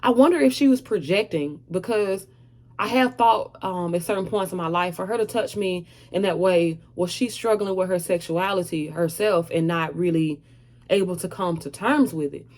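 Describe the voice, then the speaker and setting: This is a woman in her thirties with a somewhat low-pitched voice, sharing a personal testimony in a vlog. She talks frankly and earnestly, often hesitating with fillers as she works through her memories. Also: moderate pace, a little mellow. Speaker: vlogger sharing her story. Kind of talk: candid personal testimony to camera.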